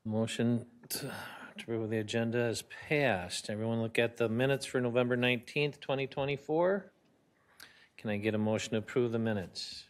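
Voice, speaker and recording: A man's voice: mid-range voice, moderate pace. A man from Minnesota chairing a parks commission meeting in a council chamber, plain and procedural with slight halts.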